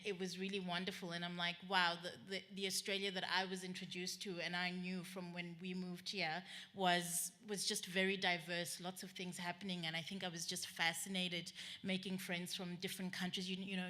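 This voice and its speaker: Young woman from South Africa, writer guest, bright and flat delivery, thoughtful. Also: on the low side, fairly quick, few pauses. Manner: thoughtful, repeats words as she thinks. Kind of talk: casual reflective chat.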